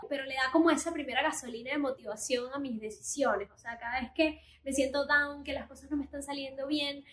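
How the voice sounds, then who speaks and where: High-voiced earnest woman in a roomy space. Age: 30s. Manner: warm, earnest, encouraging and confiding. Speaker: motivational vlogger. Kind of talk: personal advice monologue.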